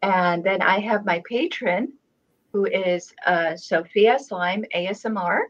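In a home room with a framed painting, an Israeli-raised woman whose first language is Hebrew hosts a laid-back video call conversation for her channel. Her voice is medium-pitched, slow, and full of pauses and fillers. The webcam picks her up with dull, lo-fi quality.

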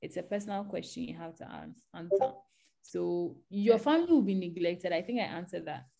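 A woman with a lowish voice and a gravelly edge speaks as a panel guest. She gives earnest advice and often starts her sentences over. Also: lively intonation, a little fast, warm tone. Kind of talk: online panel discussion.

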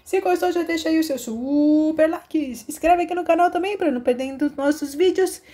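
Cheerful high-voiced Brazilian woman host. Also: a little fast. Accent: Brazilian Portuguese. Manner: cheerful, animated. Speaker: kids' gaming channel host. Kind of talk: playful game narration for children.

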